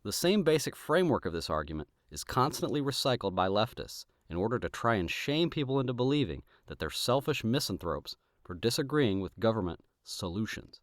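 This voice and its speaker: A man's voice: fairly low pitch, sing-song, a little fast, few pauses, no room sound, studio quality. A man delivering a scripted, argumentative political commentary in an emphatic, rhetorical manner. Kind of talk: scripted argumentative video essay.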